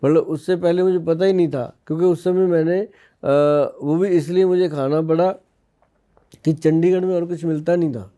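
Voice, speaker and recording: Dark-voiced Indian man telling folksy anecdotes. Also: a little high, steady tone, normal speed. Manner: folksy, storytelling, explains with anecdotes. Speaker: Ayurvedic expert guest. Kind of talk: casual podcast interview.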